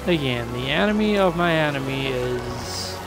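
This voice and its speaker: A man streams a game live with ocean and ship sounds from the game behind him, plus music. His mid-range voice is animated and moderately paced as he chats with viewers, thinks aloud, and reacts to surprises.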